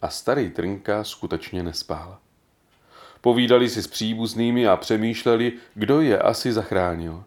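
A man reads a story aloud as an audiobook narrator, his voice sitting low. His delivery is calm and measured, steady from phrase to phrase.

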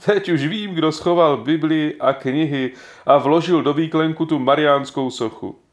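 An old grandfather speaks with earnest gratitude, his voice raised a little higher than plain talk, as a man acts him out. He sounds heartfelt and sincere, an elderly figure from a storybook. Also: natural voice. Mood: moved. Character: moved, grateful old grandfather.

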